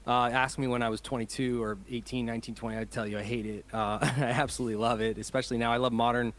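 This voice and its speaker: A musician guest chats casually in an interview over a video call, enthusiastic, rambling and often laughing. His voice is medium-pitched and a bit bright, with a flat delivery at a quick pace.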